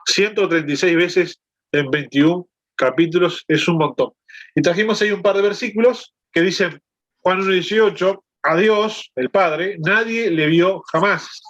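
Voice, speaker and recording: A man's voice: sits high, a little slow, a bit bright, lo-fi sound. A man leading a Bible lesson over a video call, explaining and often checking in with his listeners. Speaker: Bible study teacher.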